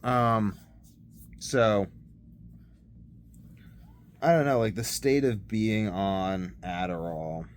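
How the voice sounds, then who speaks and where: A sleepy male vlogger rambles casually through a personal video diary, hesitant and thinking out loud. His voice is fairly low, with drawn-out words and frequent pauses. Background noise is clearly audible.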